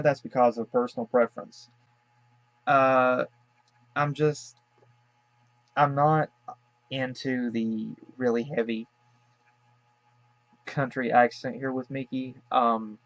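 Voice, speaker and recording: A man from the Southern United States talks through a cartoon he is reacting to, musing aloud with frequent fillers and apologetic asides. His voice sits at an ordinary middle pitch. The recording is dull and lo-fi, with a dry, close sound. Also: no echo. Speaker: cartoon reaction channel host. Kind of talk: casual reaction commentary.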